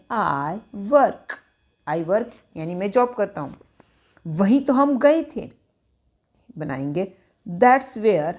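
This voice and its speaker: A woman's voice: medium pitch, a little mellow. A woman teaching English grammar step by step, repeating each phrase and mixing English words into her explanations.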